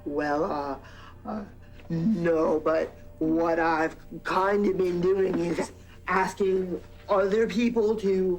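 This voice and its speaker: An actor playing an awkward, childlike, lovestruck man in a film, speaking in a halting, earnest way. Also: high-pitched, poor audio. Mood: shy, hesitant. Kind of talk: naturalistic film acting.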